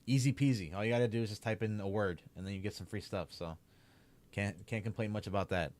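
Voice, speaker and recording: Fast and darkish in tone, a low-voiced young streamer and YouTuber from the Chicago area rambles to his stream while playing games. His Chicago accent comes through, along with plenty of "like" and "man."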